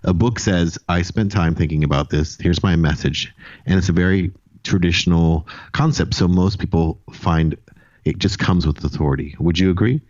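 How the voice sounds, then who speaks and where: Male interview host, very deep voice, dry dull sound, reflective and agreeable. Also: normal speed, a little mellow, dry recording. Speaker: podcast host. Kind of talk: conversational interview.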